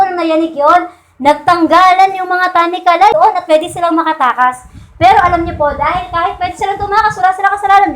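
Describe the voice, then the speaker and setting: A woman preaching a sermon in a conversational way, often checking in with her listeners through quick rhetorical questions. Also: extremely high pitch. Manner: conversational, repeats and restarts points. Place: church meeting room. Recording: echoey room.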